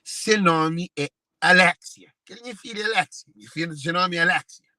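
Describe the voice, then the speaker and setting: A man's voice: high voice, moderate pace, sharp tone, dry recording. A Cape Verdean man speaking in an emotional monologue to viewers, repeating and circling back to his phrases. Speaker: speaker sharing personal family story.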